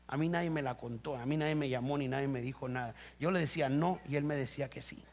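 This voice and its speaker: A man preaching a sermon as pastor, swinging between loud emphatic bursts and low quiet stretches, asking the congregation questions. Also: fast, a little hiss or hum. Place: church. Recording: live stream.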